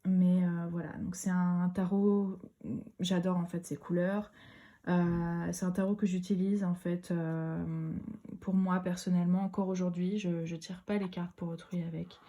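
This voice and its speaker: Casting note: young woman vlogger, low-ish mellow voice, casual and halting delivery. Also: level tone. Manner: hesitant, many fillers and restarts. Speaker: tarot vlogger. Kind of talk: casual video monologue.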